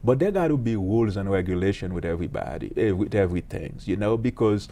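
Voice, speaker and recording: Man, late 30s, low voice, earnest interview guest who halts and fills with uh. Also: expressive, gravelly, mellow. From Haiti. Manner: earnest, halting, frequent uh fillers. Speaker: pastor and police officer.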